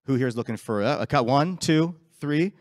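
A man's voice: mid-range voice, animated, brisk, dry recording, studio quality. A man hosting an open-mic event in a large council chamber, upbeat and joking with the crowd, speaking into a handheld mic. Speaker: event host.

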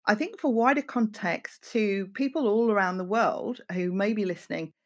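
A woman interviewing on a podcast, circling through hesitant repetitions as she talks. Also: mid-range voice. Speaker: podcast interviewer, landscape architect. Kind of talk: conversational podcast talk.

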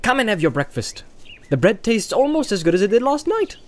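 A man's voice: high-pitched, big pitch swings, fairly quick, voice pushed up. A man voicing a cheerful, inquisitive young male hobbit in an audiobook, eager and chattering. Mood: chirpy, eager. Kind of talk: audiobook character voice.

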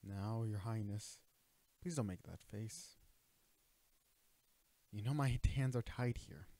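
A man acts out a young knight, a protective royal bodyguard who is mellow, earnest and flustered, in a romantic audio roleplay addressed to the listener. His fairly low voice moves slowly, stern yet pleading, hesitant and stammering, using formal courtly address, with no room sound.

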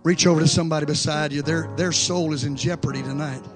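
A man preaching a revival sermon to a congregation, impassioned and building to shouts with repeated refrains. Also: a little high, fairly even intonation, quick pace, over music. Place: church service before a congregation.

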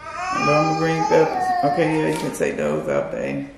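A woman's voice: low-pitched, wildly swooping pitch, normal speed. Chatty young woman cooking in an echoey kitchen. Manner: chatty and laughing, talks to viewers as y'all. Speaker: vlogger cooking with her boyfriend. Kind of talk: casual cooking vlog chat. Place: home kitchen, indoors. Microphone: camera mic across the kitchen. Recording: echoey kitchen with loud background noise.

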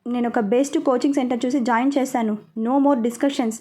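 A stern young man who watches over his cousin, giving firm and commanding orders, as a woman storyteller reads his part. The voice sits high, with a mellow, soft tone, in a spoken audio story. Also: fairly even intonation, moderate pace, lightly acted.

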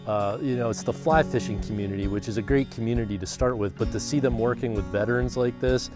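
A man in his forties gives an earnest outdoor interview, stopping and repeating words as he talks. His voice sits at a middle pitch. Loud guitar music plays under him the whole time. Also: quick pace. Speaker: volunteer fishing guide. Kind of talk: interview to camera. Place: outdoors by a building.

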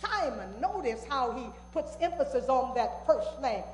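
Woman pastor, high voice, sermon, repeats words for emphasis, recorded in an echoey church hall. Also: moderate pace, darkish tone, slight background noise. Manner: repeats words for emphasis, rising and falling delivery. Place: church sanctuary.

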